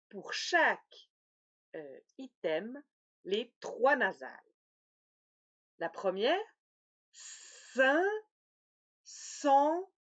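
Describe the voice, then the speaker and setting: A woman teaching French nasal sounds, articulating each word carefully and repeating for practice. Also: on the high side. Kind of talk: slow, deliberate pronunciation lesson.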